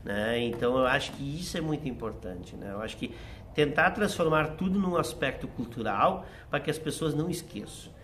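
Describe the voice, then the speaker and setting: Expressive and brisk, this medium-pitched voice is a bit bright, with some slight background noise. The middle-aged speaker, a guest theater writer and actor from southern Brazil, talks in Rio Grande do Sul Portuguese with a German-settler touch. His casual interview is full of reflective, nostalgic storytelling and frequent "né."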